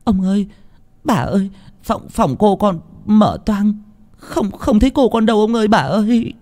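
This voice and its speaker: A man's voice: high voice, moderate pace, a little mellow, pitched above the performer's own voice, natural voice. A man voicing a frightened young servant girl who stammers in panic. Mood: panicked.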